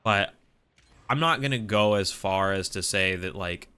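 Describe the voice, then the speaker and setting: A man's voice: on the low side, a little slow, bright, forceful tone, smooth. A man giving casual, rambling gaming commentary in a grumbling, opinionated, complaining way with frequent swearing. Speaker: gaming video creator. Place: voice-over on gameplay footage.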